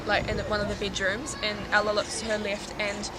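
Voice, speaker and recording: A woman's voice: medium pitch, monotone, a little fast. A young woman with a New Zealand accent, a volunteer talking earnestly and chattily to camera, often saying "like.". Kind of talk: casual talk to camera. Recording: loud noise behind the voice.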